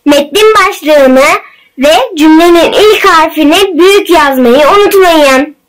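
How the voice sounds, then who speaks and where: A woman teacher dictating to first graders, reading word by word with long pauses and naming the punctuation. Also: sits high, poor audio. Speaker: primary school teacher.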